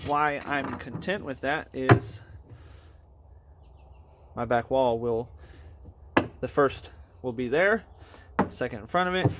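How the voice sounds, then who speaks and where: A man's voice: mid-range voice, very noisy. A man giving a casual, rambling walkthrough of his car audio build, out of breath and correcting himself as he goes. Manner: rambling, self-correcting, many fillers. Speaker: car audio hobbyist vlogger. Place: garage, in a car.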